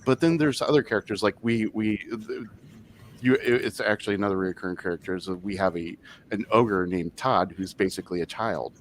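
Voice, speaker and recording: A man talking as a game master on a casual podcast, animated and restarting often. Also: lowish voice, brisk, slight background noise.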